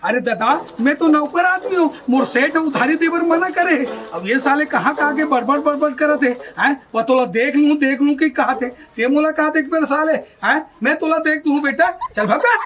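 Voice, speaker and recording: A man's voice: very high voice, moderate pace, hardly any pauses, noisy background. A man playing an exasperated village shop servant in a comedy skit, grumbling and repeating himself in a Chhattisgarhi accent. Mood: exasperated, dismissive. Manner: grumbling, repetitive, dismissive. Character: exasperated male village shop servant minding credit accounts.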